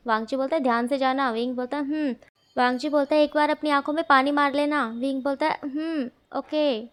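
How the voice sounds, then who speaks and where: A woman's voice: sits high, fairly even intonation, quick pace, fairly bright tone. A woman narrating a fanfiction story in a casual, chatty way, reading the characters' lines herself. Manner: casual, chatty retelling with fillers and restarts. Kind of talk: storytelling narration with quoted dialogue.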